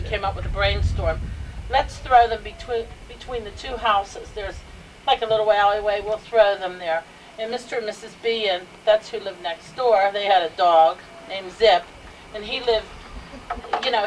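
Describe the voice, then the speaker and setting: An older woman telling funny stories at a family gathering and laughing as she goes. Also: medium pitch. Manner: laughs through her stories. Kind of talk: casual anecdote telling. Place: house, indoors. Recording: home video, faint background noise, a little distant.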